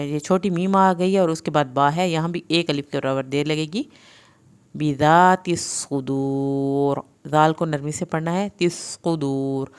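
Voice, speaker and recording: A woman teaching Quran recitation. She recites slowly, then explains each sound patiently, step by step. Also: deep voice, clean tone. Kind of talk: tajweed lesson, slow chanted recitation then spoken explanation.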